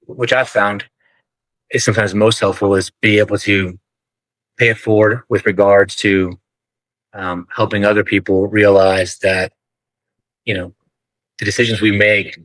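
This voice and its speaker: A man arguing formally in court as a defense attorney, measured and deferential to the judge. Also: on the low side, fairly bright tone, dry recording, low-quality recording.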